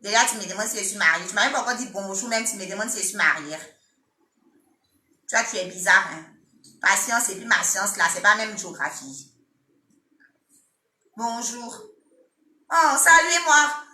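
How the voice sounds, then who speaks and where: A woman's voice: mid-range voice, moderate pace, long pauses, pushed and bright, roomy sound. A woman with an Ivorian French accent chatting on a live stream, teasing and playfully scolding her commenters. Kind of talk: casual live-stream chat.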